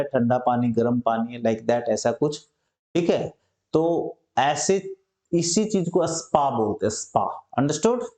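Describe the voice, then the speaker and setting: A man's voice: fairly high pitch, darkish tone. Man teaching English words in an echoey room. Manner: explains each word slowly, often asks "understood?". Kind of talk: Hindi-language English vocabulary lesson.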